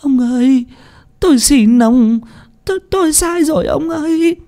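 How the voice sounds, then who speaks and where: A man's voice: very high voice, a little slow, creaky, dark tone, pitched above the performer's own voice, heavily acted. A man voicing a panicked middle-aged wife who stammers, weeps and pleads. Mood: sobbing plea. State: crying.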